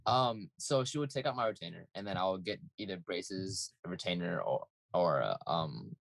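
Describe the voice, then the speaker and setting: Gravelly, deep-voiced man chatting hesitantly. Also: lively intonation, normal speed, no room sound. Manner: hesitant, many fillers. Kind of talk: casual chat.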